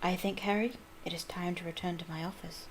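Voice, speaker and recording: A woman voicing a calm, wise old male wizard who speaks quietly and gently in measured phrases in an audiobook. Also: medium pitch, a little hiss or hum, lightly acted, low-quality recording.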